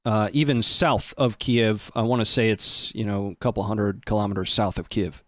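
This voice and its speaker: A man in his thirties with a lowish voice and steady tone casually comments live on footage as a stream host, at normal speed. He uses a close desk microphone on a boom arm in a small indoor studio, with no echo.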